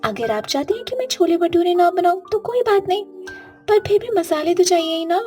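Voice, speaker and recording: A woman's voice: very high voice, animated, brisk, dark tone, soft background music. A woman voicing a meek young daughter-in-law in a cartoon story, who speaks politely and pleads. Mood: pleading.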